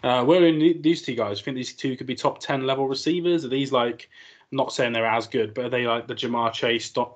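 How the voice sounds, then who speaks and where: A man hosting a casual sports podcast, chatty and full of fillers as he asks questions. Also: mid-range voice. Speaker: podcast host.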